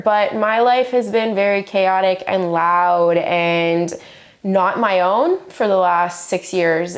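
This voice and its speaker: A woman in her thirties chatting enthusiastically about books she has read, still getting over the flu. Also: fairly low pitch. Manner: enthusiastic, gushing. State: recovering from flu. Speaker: book vlogger. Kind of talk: casual book review chat.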